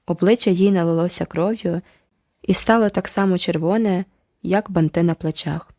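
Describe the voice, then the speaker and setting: A woman narrating a novel in a measured storytelling voice. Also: lowish voice, fairly even intonation, darkish tone, no room sound, studio quality. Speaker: audiobook narrator. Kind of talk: scripted narration.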